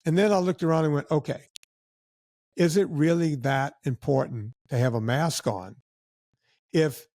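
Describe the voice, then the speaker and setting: A man guest on a podcast, telling casual stories in an animated way and acting out what other people said. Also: on the high side, measured pace, long pauses, no echo. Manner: animated anecdotes with acted-out quotes of other people. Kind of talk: casual storytelling.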